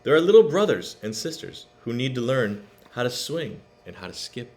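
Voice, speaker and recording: Storybook principal, played by a male reader: earnest, over-keen, emphatic, very lively intonation. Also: mid-range voice. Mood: earnest, insistent. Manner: emphatic, proud, drawn-out praise.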